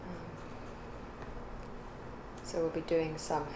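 An older woman with a low-pitched, level voice speaks slowly as a guest on her child's craft livestream, rambling thoughtfully and correcting herself as she chats. She seems to be in a living room or home craft room, and the echoey recording carries clear background noise.

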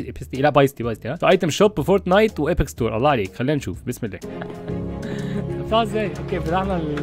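An Egyptian man hosts his channel in a loose, joking commentary, and he talks to viewers directly. He rattles through his lines at a very rapid clip, with a voice sitting somewhat high for a man. Faint music plays behind him. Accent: Egyptian Arabic. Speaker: YouTuber host. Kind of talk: casual commentary reviewing viewer memes.

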